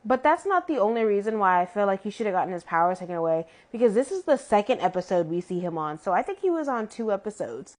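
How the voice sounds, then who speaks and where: A woman's voice: medium pitch, big pitch swings, quick pace, hardly any pauses. A woman giving a casual, opinionated recap of a TV episode, chatty and full of "like" fillers, with exasperated asides. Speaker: TV show reviewer.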